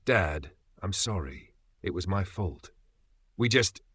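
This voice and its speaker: A man's voice: sits low, animated, slow pace, a bit bright, breathy edge, no echo, full character voice. A man voicing a nervous, remorseful teenage boy who speaks hesitantly. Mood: apologetic. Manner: shaky, hesitant and apologetic.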